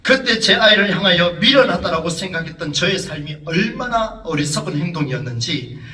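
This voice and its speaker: A man's voice: sits high, sharp tone, distant mic, slight background noise. A man, a pastor, preaching earnestly and dramatically in church, with rhetorical questions to the congregation. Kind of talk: sermon. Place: church sanctuary. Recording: echoey church, voice from off the mic.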